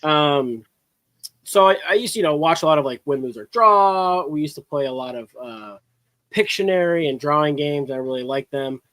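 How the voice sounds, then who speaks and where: A man's voice: fairly high pitch, lively intonation, normal speed, fairly bright tone, no room sound. A man who designs games talks as a guest on a podcast in an easygoing way, explaining with many fillers. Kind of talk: casual chat.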